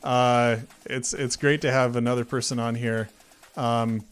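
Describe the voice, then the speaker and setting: A man's voice: medium pitch, little pitch movement, a little slow, clear, resonant tone. Easygoing man hosting a coding stream. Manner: easygoing, agreeable, lots of fillers. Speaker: livestream host. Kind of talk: casual chat.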